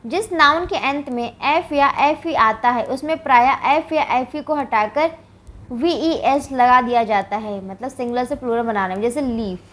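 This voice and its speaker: A woman's voice: high-pitched, unhurried, a bit bright. A woman from India teaching English grammar, explaining step by step and answering her own questions. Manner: says "ठीक है" often as a check-in. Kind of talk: classroom grammar lesson.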